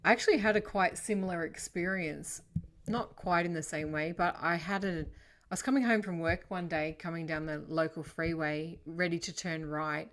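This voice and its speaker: A woman hosts a casual spiritual interview. Her voice sits a little low, and she tells her stories in an animated, dramatic way. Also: moderate pace. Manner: animated storytelling, dramatic retelling. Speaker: podcast host.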